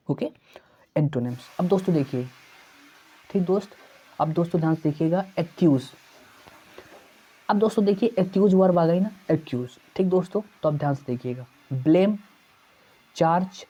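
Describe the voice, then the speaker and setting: A man's voice: a little high, mellow, highs cut off. A young man teaching a vocabulary lesson for exam preparation, repeating each word in lists and constantly addressing the viewers as friends. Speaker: English teacher for exam prep. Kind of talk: vocabulary lesson in Hindi and English.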